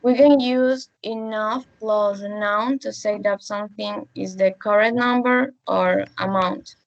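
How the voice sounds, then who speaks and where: A young woman student giving a class presentation, reading carefully and haltingly. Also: medium pitch, fairly even intonation, vocal fry, no room sound. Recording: dry, muffled audio.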